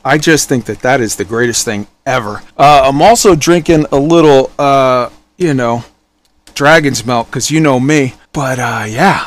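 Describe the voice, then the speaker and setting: Male host, informal and sweary, loose rambling chat, highish pitch, very expressive range. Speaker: podcast host. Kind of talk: casual, joking chat.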